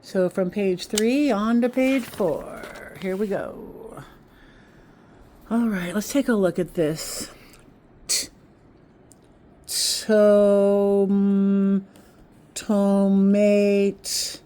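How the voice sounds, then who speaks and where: A woman teaching a children's phonics lesson, slowly sounding out letters and syllables in an encouraging way. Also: medium pitch, steady tone, warm tone. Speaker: kindergarten teacher.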